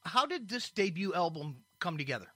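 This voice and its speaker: A man's voice: sits high, sing-song, fairly quick, a bit bright, husky, no echo. A man hosting a rock podcast interview, effusive and friendly, often calling his guests man and brother. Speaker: podcast host.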